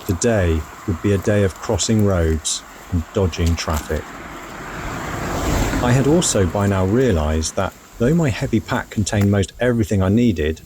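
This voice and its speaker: A man narrating a walking vlog in a gentle, unhurried, reflective way, partly talking outdoors on the trail. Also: fairly low pitch, slight background noise. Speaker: walking vlogger. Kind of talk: calm documentary narration and on-the-trail vlogging. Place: outdoors on a countryside walk, partly voice-over.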